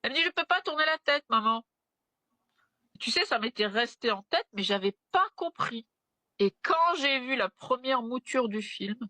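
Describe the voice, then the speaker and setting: Woman guest, halting testimony, bright dry voice. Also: mid-range voice, dry recording. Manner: halting, retelling with quoted dialogue. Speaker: interview guest, a mother. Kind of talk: personal testimony in conversation.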